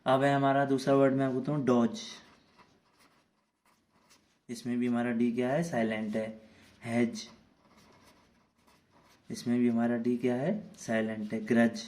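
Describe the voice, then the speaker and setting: A man's voice: mid-range voice, flat delivery, a little slow, long pauses, a little mellow. Man teaching children in a lesson. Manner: repetitive rhetorical questions, spelling words out letter by letter. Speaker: English teacher.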